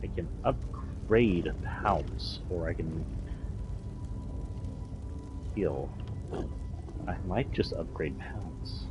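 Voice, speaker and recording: A man with a very deep voice plays a video game and comments casually as he goes. He thinks out loud, muttering through choices. Game music is clearly audible behind him. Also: expressive, takes it slowly.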